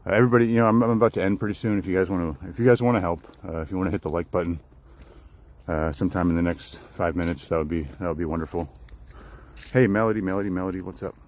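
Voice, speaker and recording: A man's voice: low-pitched, steady tone, very fast, a little mellow. A man chatting casually to livestream viewers outdoors, rambling and often repeating his phrases as he goes. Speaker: livestreamer hosting a walk and talk. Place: outdoors on a walk in the woods. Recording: outdoor noise with insects and nature sounds. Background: crickets, outdoor nature ambience.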